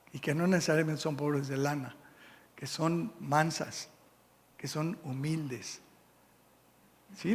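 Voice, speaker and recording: A man's voice: on the high side, long reverb tail. A man with a Mexican Spanish accent preaching a sermon in a church, reading scripture and checking in with the congregation. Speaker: pastor. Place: church sanctuary.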